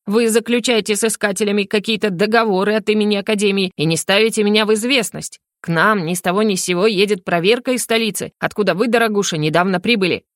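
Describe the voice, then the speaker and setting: A woman reading an audiobook plays a tired, suspicious older male rector shouting accusations. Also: mid-range voice, steady tone, brisk, few pauses, no room sound, studio quality, close to an everyday voice. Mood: angry.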